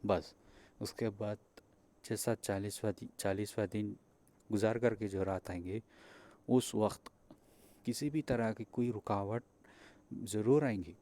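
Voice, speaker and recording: A man's voice: lowish voice, pauses often, dark tone. A man with a Pakistani Urdu accent, a spiritual practitioner, teaching viewers a ritual step by step, repeating points and checking in often, with some hesitant fillers. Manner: repeats steps, checks in with "theek hai". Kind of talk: spoken instruction to viewers.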